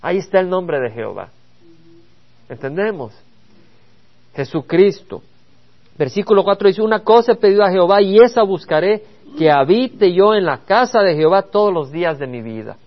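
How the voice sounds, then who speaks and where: A man's voice: sits high, muffled recording. A man preaching a Bible study sermon, earnest and addressing the congregation with rhetorical questions. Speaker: pastor.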